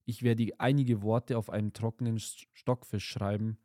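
Man reading motherly old woman, dark mellow tone. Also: lowish voice, flat delivery, normal speed, no echo, studio quality, natural voice. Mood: kindly. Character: kindly old woman of the far north.

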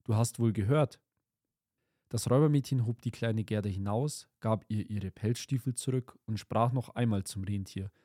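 Calm man reading a fairy tale. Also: lowish voice, normal speed, few pauses, no room sound, studio quality. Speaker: narrator.

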